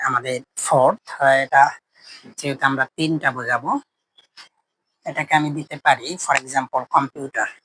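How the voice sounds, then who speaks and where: A man's voice: mid-range voice, fairly even intonation, moderate pace, long pauses, sharp tone, a little hiss or hum. A male teacher giving a grammar lesson, asking his students questions, answering them himself, and spelling words out letter by letter with many "ah" fillers. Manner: frequent "ah" fillers, mixes English words into Bengali. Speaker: English teacher. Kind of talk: classroom lesson.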